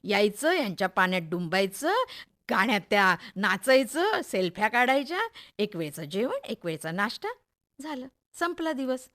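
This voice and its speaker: A woman's voice: medium pitch, normal speed. A woman playing a chatty, opinionated middle-aged mother in a radio play, confiding and gossipy, with a Maharashtrian accent. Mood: wry complaining. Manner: gossipy, expressive, confiding, rhetorical questions.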